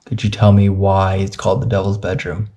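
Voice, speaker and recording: Low, even-voiced man questioning spirits. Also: a little fast. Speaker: paranormal investigator. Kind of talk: ghost hunt vlog, questioning spirits. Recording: dull muffled sound, music underneath.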